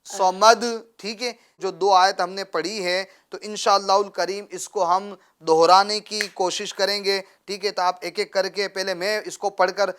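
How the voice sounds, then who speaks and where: A man's voice: sits high, flat delivery, few pauses, a bit bright, smooth. A man teaching Quran recitation to a child, asking questions and having the pupil repeat after him, with frequent praise. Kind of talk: patient call-and-response teaching.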